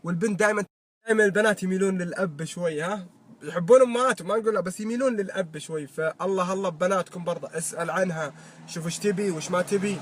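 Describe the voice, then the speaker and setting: A man's voice: high voice, rapid-fire, a little hiss or hum. A Saudi man giving fervent moral advice to his viewers, in a Saudi accent, swearing oaths often. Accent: Saudi Arabic. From Saudi Arabia. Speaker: social media creator. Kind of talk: impassioned moral advice monologue.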